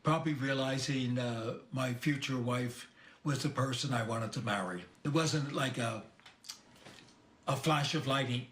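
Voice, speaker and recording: A grandfather in his eighties, with a mid-range voice, talks slowly and gently with his grandson in their living room for an oral-history conversation. He halts often, pausing and restarting. It was recorded on a phone, and the home recording sounds roomy with a faint hiss.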